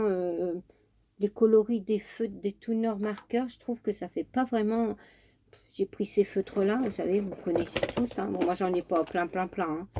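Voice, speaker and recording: A woman's voice: medium pitch, warm tone, a little hiss or hum. A woman chatting casually through a crafting tutorial at her home craft table, homely and talkative, with many fillers. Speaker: craft vlogger.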